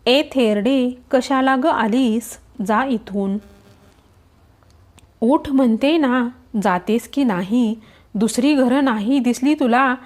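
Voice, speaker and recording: A woman voicing a haughty queen shouting at an old woman in a devotional story. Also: a little high, slow pace. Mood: contemptuous. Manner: harsh, contemptuous. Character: haughty, rude wealthy queen.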